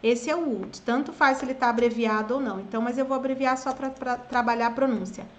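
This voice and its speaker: A high-pitched woman with a Brazilian accent gives a relaxed online English lesson. She explains patiently and chats with her viewers, then drills pronunciation. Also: fast. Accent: Brazilian Portuguese. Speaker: English teacher.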